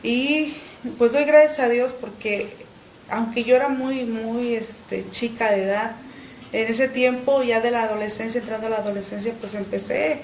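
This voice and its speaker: A middle-aged woman tells her faith testimony in an earnest interview, her voice sitting a little high. She often pauses on fillers and repeats her words. The recording has a roomy echo and a faint hiss behind her. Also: steady tone, a little mellow. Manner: earnest, with frequent "este" fillers and repetitions. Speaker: interview guest.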